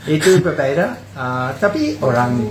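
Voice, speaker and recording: A native English-speaking man with an Australian accent, giving a casual interview in halting, simple Indonesian as a foreign learner. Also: on the high side, wildly swooping pitch. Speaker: interview guest. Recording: roomy echo, clear background noise.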